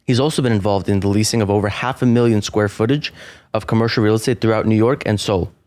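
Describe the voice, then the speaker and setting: Fast-talking male podcast host. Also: fairly low pitch, steady tone, darkish tone. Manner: quick, reads intro then affirms with short interjections. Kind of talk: podcast interview.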